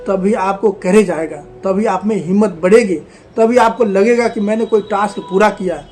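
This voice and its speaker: A man's voice: sits high, darkish tone. A man giving a motivational lesson on communication, talking emphatically, repeating his points and calling his viewers friends. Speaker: communication skills coach.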